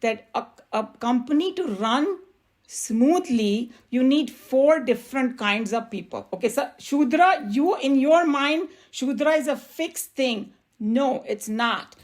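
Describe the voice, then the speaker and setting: A woman with an Indian accent explains scripture in a spirited discussion, animated and quick to laugh. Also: high voice. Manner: animated, laughing, mixes in Hindi phrases.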